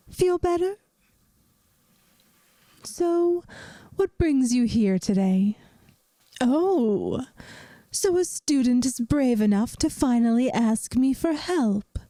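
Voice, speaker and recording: With no room sound and a voice on the high side, a woman plays a vampire math teacher who has lived for centuries in an ASMR roleplay. Her manner is gentle, wry, reassuring, soft and soothing, much like a teacher's.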